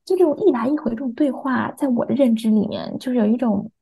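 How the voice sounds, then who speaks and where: A woman's voice: a little high, fast talker, creaky, dark tone, breathy edge. A young woman from China, a podcast interview guest, hesitantly recounting a personal experience and acting out remembered dialogue.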